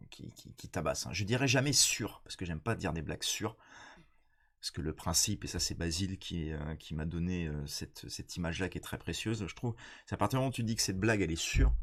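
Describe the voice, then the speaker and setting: Male comedian, fairly low voice, nasal from a head cold, informal and hesitant explainer style. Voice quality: congested, nasal. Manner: hesitant, halting, slangy. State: blocked nose from a cold. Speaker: stand-up comedian. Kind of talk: casual explanatory chat.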